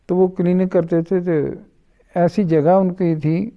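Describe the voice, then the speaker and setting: A man's voice: sits high, flat delivery. A middle-aged man, an interview guest who tells his stories unhurriedly and acts out the other people's lines in dialogue. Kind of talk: storytelling in conversation. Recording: dull lo-fi recording.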